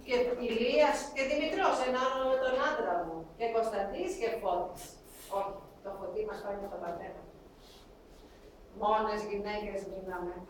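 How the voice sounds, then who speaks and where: A woman acting a grieving refugee mother in a theatrical monologue, speaking in halting, lamenting, clipped phrases. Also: mid-range voice, slight background noise, lightly acted. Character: grieving refugee mother recounting her family's persecution. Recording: echoey stage hall, mic far off.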